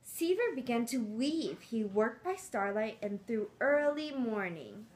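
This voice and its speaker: A woman's voice: fairly high pitch, sing-song, measured pace. A woman reading a picture book aloud to young children, coaxing them along with simple questions. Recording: clearly noisy room.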